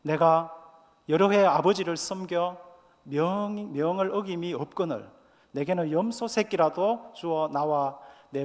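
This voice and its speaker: A preacher voicing a resentful elder son. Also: male voice, sits high, a little mellow, in a large hall. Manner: aggrieved, reproachful. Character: resentful adult elder son complaining to his father.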